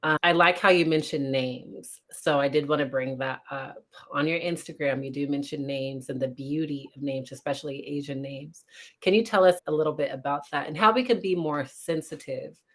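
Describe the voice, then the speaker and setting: Low-voiced woman host, sincere. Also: a bit bright. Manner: emotional, sincere, measured. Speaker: host and interviewer. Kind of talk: interview questions.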